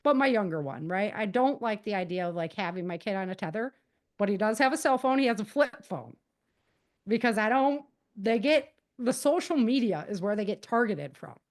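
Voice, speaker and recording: With a medium-pitched, animated voice and moderate pace, a middle-aged podcast guest dispenses advice emphatically. She is an author and self-defense advocate who repeats her core points and acts out example dialogue.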